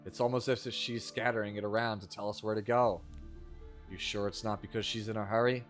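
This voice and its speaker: A man's voice: fairly low pitch, steady tone, fairly quick, voice pushed down, lightly acted. A man doing amateurish voice acting as a stern, curt fugitive in fantasy game dialogue, reading it aloud. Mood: musing. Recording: loud game music behind.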